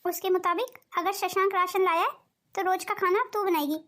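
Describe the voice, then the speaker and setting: A woman's voice: very high-pitched, fairly even intonation, fairly quick, pushed and bright. A woman voicing a patient older mother-in-law in a cartoon, with a soothing, pleading way of talking. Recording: faint music underneath.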